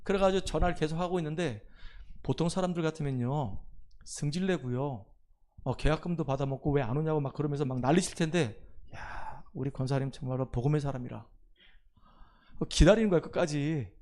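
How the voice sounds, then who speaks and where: A middle-aged man preaching from the pulpit in a church, his voice sitting fairly high. He tells stories in a chatty way, drops quiet for the quoted bits, then climbs back up to exhort the congregation. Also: brisk. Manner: conversational storytelling, drops to a hush for quoted lines, then rises to exhort. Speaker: pastor. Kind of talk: sermon. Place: church sanctuary.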